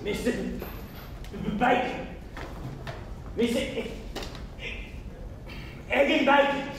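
A man's voice: very high voice, extremely slow, heavy reverb, far from the mic, noisy background, heavily acted. An actor playing a jumpy, paranoid male pig hiding in his brick house, talking in sing-song rhymes on stage. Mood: jittery. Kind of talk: stage play performance.

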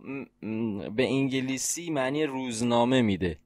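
A man from Iran hosting a reaction video, talking excitedly to his viewers and guessing aloud. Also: mid-range voice. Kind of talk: casual reaction commentary. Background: hip hop track playing.

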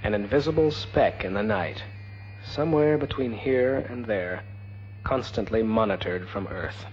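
A man reading scripted documentary narration in a solemn, measured, poetic manner. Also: fairly low pitch, darkish tone. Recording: dull archival film sound, noisy hum.

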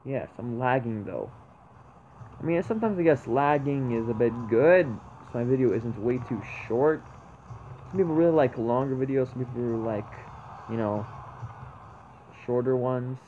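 A young man giving excited commentary over a mobile basketball game he plays, often bursting out at big plays. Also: medium pitch, normal speed. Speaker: gaming YouTuber. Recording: tinny lo-fi mic with faint noise.

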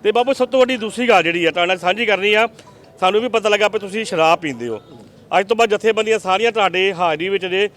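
A male field reporter interviewing people outdoors on a street, with a high-pitched voice. He talks fast and briskly, pushing out question after question. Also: a bit bright. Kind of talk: on-the-spot news interview.

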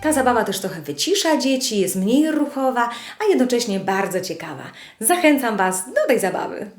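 A woman's voice: a little high, very animated, normal speed. A woman speech therapist explaining children's learning games in a friendly, instructive way, speaking directly to parents. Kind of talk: instructional video presentation. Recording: echoey room with soft music.

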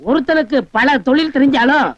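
An actor playing a meek beggar friend in a film comedy, replying eagerly and agreeably. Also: male voice, very high-pitched, brisk, a bit bright, no room sound. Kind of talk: Tamil film comedy dialogue. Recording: dull lo-fi film audio.

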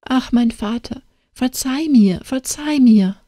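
A woman voicing a dreamy, pleading young woman in an audiobook tale, speaking softly and imploringly. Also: a little high, slow, dry recording, studio quality, voice pushed up. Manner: soft, imploring.

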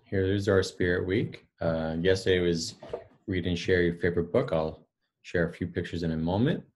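A man, a school principal, giving school video announcements in a steady, encouraging way with frequent "uh" fillers. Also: low-pitched, moderate pace.

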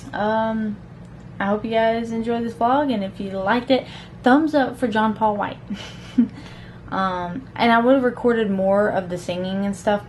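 A woman in her thirties talks to her camera in a quick, excited rush. Her voice sits a little low, and she laughs often as she chats. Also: slight background noise. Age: 30s. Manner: fast, excited talk with frequent laughs. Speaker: vlogger. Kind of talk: casual vlog chat.

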